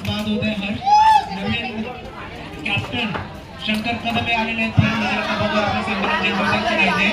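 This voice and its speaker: A man gives running cricket commentary over a PA loudspeaker at an outdoor ground, calling runs and no-balls loudly in a high voice. The sound echoes and reaches the mic from far off. A loud crowd and heavy noise sit behind him. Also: completely flat delivery, fairly quick, loud music behind the voice. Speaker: match announcer.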